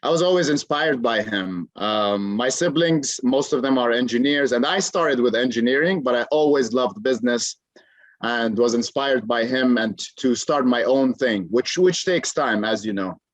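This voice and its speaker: A man's voice: mid-range voice, normal speed, dry recording, low-quality recording. A man in his thirties, originally from Jordan, a career coach telling his story as an interview guest, earnest and full of fillers. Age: 30s. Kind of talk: interview conversation.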